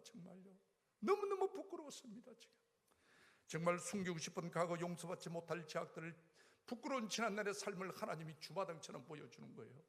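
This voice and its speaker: A middle-aged man giving an impassioned testimony sermon, moving between loud outbursts and low pleading. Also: creaky. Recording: echoey church hall.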